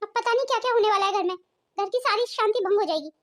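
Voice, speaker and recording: A woman's voice: extremely high pitch, quick pace. A woman voicing a worried, scolding older mother-in-law in a cartoon family drama, fretful and motherly. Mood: fretting.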